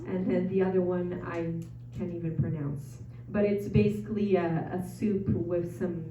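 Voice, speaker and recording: A woman whose first language is Portuguese, speaking with a Brazilian accent, gives a casual travel presentation at an info session for a live audience in a meeting room, chatty and self-deprecating with frequent ums and uhs. Her voice is on the low side, level, dark-toned, and moderately paced. The recording is echoey and dull, captured from far off with slight background noise.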